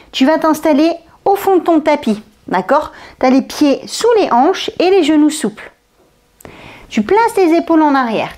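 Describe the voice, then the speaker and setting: Fitness coach, woman, high voice, slight accent; cues moves straight to the viewer, energetic and directive. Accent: slight foreign accent. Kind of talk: workout instruction.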